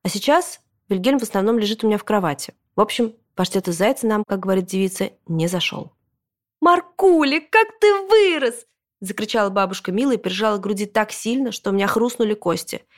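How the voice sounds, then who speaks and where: Female audiobook narrator, children's story, lively and expressive, medium pitch. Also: fast talker, hardly any pauses. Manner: lively, expressive reading of a boy's first-person story. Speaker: audiobook reader.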